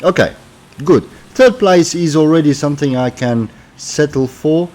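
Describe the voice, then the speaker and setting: A gaming commentator with a cold and a sore throat gives easygoing commentary on the racing game he's playing, full of fillers as he thinks aloud. His pitch leans high, his tone is darkish, and he takes his time.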